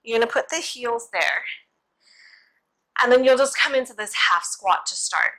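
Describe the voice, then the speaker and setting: A woman's voice: on the high side, moderate pace, pushed and bright, low-quality recording. A young woman giving a casual, instructional exercise demonstration in an informal, reassuring and encouraging manner, as a yoga teacher would.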